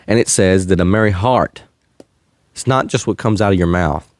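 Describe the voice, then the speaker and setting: A man's voice: sits low, moderate pace, dry recording, studio quality. A man hosting a faith-based podcast, talking in an earnest, slightly preachy way and chuckling often. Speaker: podcast host. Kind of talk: faith-based casual chat.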